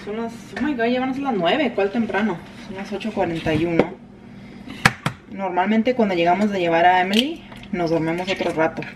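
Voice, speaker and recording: A woman's voice: mid-range voice, a little fast, noisy background. Vlogger lady just chatting while she cooks, switches to a lot, pans clanking in the background. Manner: chatty, mixes English fillers into Spanish. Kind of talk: casual vlog chat. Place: home kitchen.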